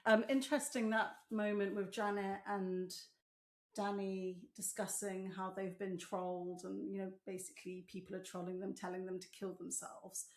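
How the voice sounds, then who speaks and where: A woman's voice: medium pitch, little pitch movement, normal speed. A woman with a mid-range voice co-hosts a casual chat. She talks frankly and asks plenty of questions. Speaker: podcast co-host.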